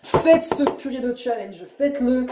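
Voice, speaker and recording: A young woman vlogger chatting casually, telling an anecdote in lively slangy storytelling. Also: sits high, moderate pace, noisy background. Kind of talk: casual chat. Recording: echoey room.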